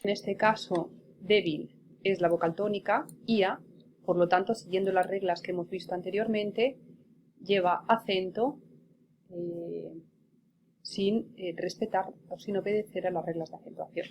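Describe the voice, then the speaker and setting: A woman's voice: on the low side, fairly even intonation, measured pace, lo-fi sound, a little hiss or hum. A woman teacher, patiently explaining spelling rules and spelling out words syllable by syllable. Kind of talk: spelling lesson.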